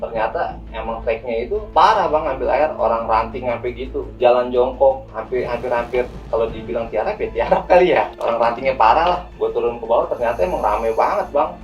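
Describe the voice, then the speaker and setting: A man's voice: medium pitch, fairly quick. A young man casually telling a hiking story as a guest, rambling and repeating words, often calling the listener "Bang". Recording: distant mic with music behind.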